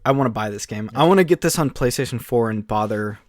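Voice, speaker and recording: A man co-hosting a podcast, chatting casually and excitedly in long rambling runs full of fillers. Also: medium pitch, fast talker, dry recording, clean studio sound. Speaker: podcast co-host. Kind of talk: casual chat.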